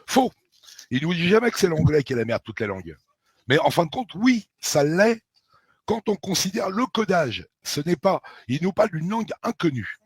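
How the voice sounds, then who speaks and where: A middle-aged Frenchman talks in a casual, emphatic way, packing his speech with fillers and asides. His voice is husky and a little breathy. He is recorded close and dry, with no room echo. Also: on the high side, sing-song, brisk. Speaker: researcher of a historical mystery. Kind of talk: casual conversation.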